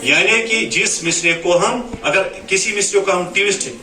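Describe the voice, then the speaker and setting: A man's voice: high voice, normal speed, bright, forceful tone. A man teaching a lesson, explaining pronunciation patiently and often checking that his students follow. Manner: explanatory, repeats "है ना" to check understanding. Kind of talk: classroom lesson on Urdu poetry recitation. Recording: echoey room, mic at a distance.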